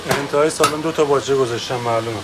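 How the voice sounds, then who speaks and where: A man's voice: medium pitch, noisy background, natural voice. An actor playing an offhand, dismissive male border clerk. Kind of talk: TV drama acting.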